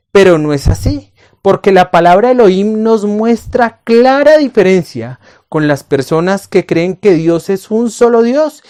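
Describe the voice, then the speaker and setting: Male Bible teacher, deliberate and emphatic, poses questions then answers them himself. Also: high voice, darkish tone. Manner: addresses the listener as friend. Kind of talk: recorded Bible lesson to camera.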